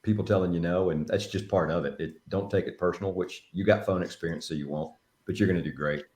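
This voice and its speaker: A man's voice: deep voice, fast. Folksy Southern Texas man, roomy sound. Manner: folksy, animated storyteller. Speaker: real estate agent. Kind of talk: casual coaching chat.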